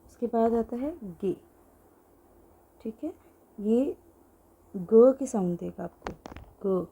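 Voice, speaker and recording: A woman's voice: a little high, expressive, slow, warm tone, husky. A woman teaching an online language lesson, explaining patiently while writing things out and mixing in English phrases. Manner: writes on a board while explaining.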